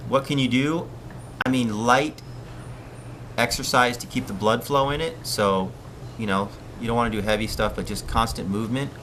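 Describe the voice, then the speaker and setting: A man from Hawaii, a surf coach, chats casually on a live-stream Q&A and reads out questions from his viewers. He speaks at normal speed in a mid-range voice, and background noise can be heard.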